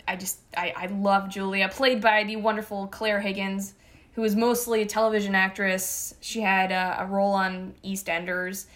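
A woman's voice: medium pitch, flat delivery, normal speed, fairly bright tone. A woman co-hosting a casual podcast chat, gushing about films and sharing trivia. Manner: enthusiastic, gushing film trivia. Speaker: podcast co-host.

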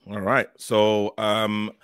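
A man's voice: on the low side, monotone, very slow, a bit bright, smooth, dry recording, studio quality. A man casually hosting a live show, speaking in a hesitant, repetitive way with many filler phrases. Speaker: host.

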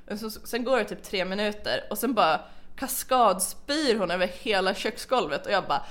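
Young female podcast co-host, casual, animated storyteller, salty language. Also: medium pitch. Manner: animated storytelling, swears freely. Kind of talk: casual chat.

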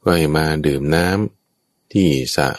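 A man giving a sermon, telling a Buddhist tale in an animated way and often addressing the listeners. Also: a little slow, dry recording, studio quality.

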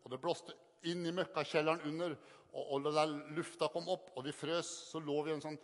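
An older man giving an earnest, halting personal testimony to an audience, often repeating words for emphasis. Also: on the high side, flat delivery. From Northern Norway. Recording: long hall reverb.

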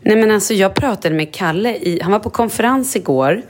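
A woman with a mid-range voice co-hosts a podcast from a quiet hotel makeup room. She tells stories excitably and acts out both sides of the dialogue. Her tone is that of a casual chat between friends. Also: medium pitch. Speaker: podcast co-host.

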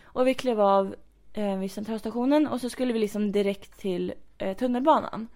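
A young woman telling a story in casual chat, frank and animated, acting out quotes. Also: medium pitch.

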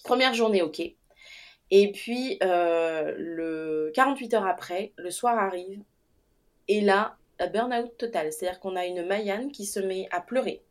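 In an unhurried, mid-range voice, a young adult woman shares a personal story casually. She's lively, frequently laughing and giving each quoted person their own voice.

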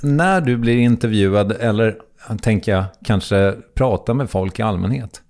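Candid man hosting an interview. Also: fairly low pitch. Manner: candid, animated storyteller. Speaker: podcast host. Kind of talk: interview conversation.

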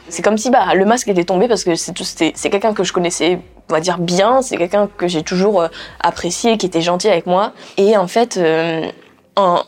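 A young woman giving a personal testimony in a casual, halting way, with many fillers and restarts. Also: fairly low pitch, a little mellow. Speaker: interviewee telling her story.

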